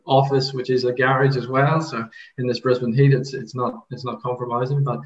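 A middle-aged Irish man speaks at a medium pitch with a level tone and a brisk pace, casually explaining things as a podcast guest. He researches rugby coaching and is talking from a converted garage office, and the remote recording sounds dull and roomy.

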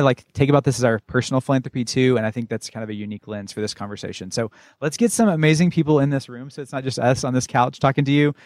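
A man's voice: mid-range voice, a little mellow, no echo, clean studio sound. An American man co-hosting a podcast in an informal, enthusiastic and conversational way. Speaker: podcast co-host.

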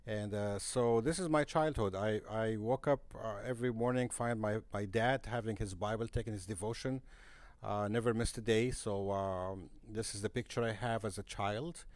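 Guy, deepish voice, dry close sound, earnest and halting, lots of restarts. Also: a little mellow, dry recording. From Egypt. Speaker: guest, missionary broadcaster. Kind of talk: casual podcast interview. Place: conference center.

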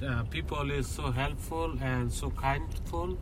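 A man's voice: mid-range voice, a little slow, a crowd in the background, poor audio. A man from Bangladesh with a Bangladeshi accent, chatting in friendly, simple broken English while driving. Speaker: driver. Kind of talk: casual chat. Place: car. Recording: car with road noise.

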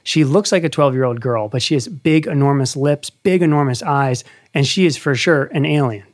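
A man's voice: mid-range voice, moderate pace. Man in his thirties telling a story. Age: 30s. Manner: storytelling, earnest and animated. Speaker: podcast host. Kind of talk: casual conversation.

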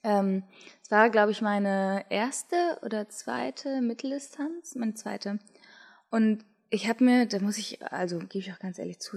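A young German-speaking woman in casual conversation, telling a race story in a relaxed way with frequent fillers. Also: medium pitch. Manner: relaxed, thinking aloud with fillers. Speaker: podcast co-host, triathlete.

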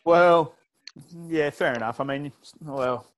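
A man's voice: on the high side, takes it slowly. A man with an Australian accent bantering in a casual, joking group chat, swearing freely.

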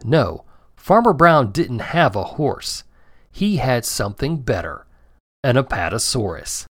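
A man narrating a children's story in a gentle, expressive storytelling manner. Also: medium pitch, unhurried, no echo, studio quality.

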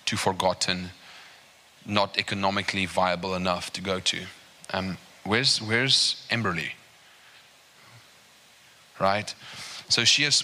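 Forceful low-voiced man preaching. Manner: emphatic, repeats "right?" and "okay?"; grows higher and more animated as he builds. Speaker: guest preacher. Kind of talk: sermon. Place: church service.

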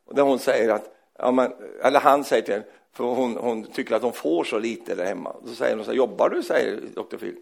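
A man preaching a sermon, animated, asking "va?" after his points and swinging from loud exclaims to quiet scripture reading. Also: mid-range voice, gravelly. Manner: tag questions "va?" after points.

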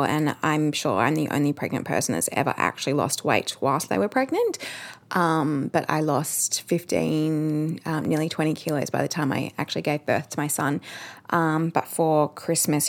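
A woman, hosting a podcast in a candid, chatty monologue full of ums. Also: low-pitched. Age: 30s. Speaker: podcast host.

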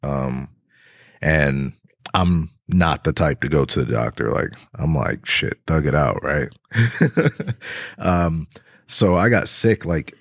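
A man with a very low, deep voice talks in a loose, rambling way, full of fillers and easy laughs. It sounds like a relaxed podcast chat recorded close and dry, with no room sound. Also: no echo. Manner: laid-back, rambling with many fillers, laughs often. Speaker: podcast co-host. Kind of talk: casual chat.

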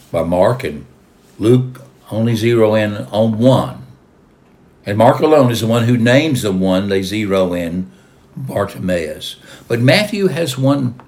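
Slow, lively-voiced male preacher. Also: on the low side. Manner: slow and dramatic, dropping to a whisper at line ends. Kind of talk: sermon retelling a gospel story.

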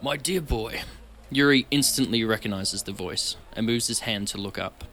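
A man narrating a tabletop fantasy game in steady, descriptive storytelling. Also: fairly low pitch, moderate pace.

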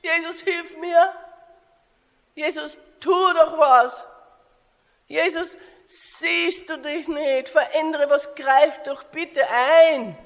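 A woman voicing panicked disciples, calling out loudly and pleading for help. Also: high-pitched, fairly even intonation, very slow, voice pushed up, exaggerated voice. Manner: loud, pleading and frantic. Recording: echoey hall.

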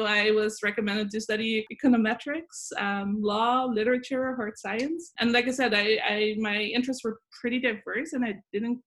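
Dutch-accented woman, thoughtful guest. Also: on the high side. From Netherlands. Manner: thoughtful, many fillers and restarts. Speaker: guest, psychology professor. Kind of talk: interview answers.

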